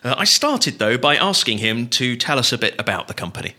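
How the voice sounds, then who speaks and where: A man's voice: mid-range voice, very animated, fairly quick, bright, forceful tone. A man co-hosting a podcast, chatting in a dry, joking, easygoing way. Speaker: podcast co-host. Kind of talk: casual podcast chat.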